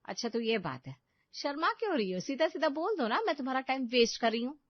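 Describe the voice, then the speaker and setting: A woman voicing a nosy, quick-tempered elder sister-in-law in an animated story, pushy and sharp-tongued. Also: high-pitched, no echo. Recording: dull lo-fi dry recording.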